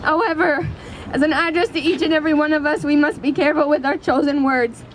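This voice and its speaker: A woman giving a prepared speech as an activist at a rally, speaking in an earnest, impassioned, deliberate way. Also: sits high, fairly even intonation, low-quality recording. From Canada. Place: outdoors in a city square. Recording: outdoor public square with city traffic noise.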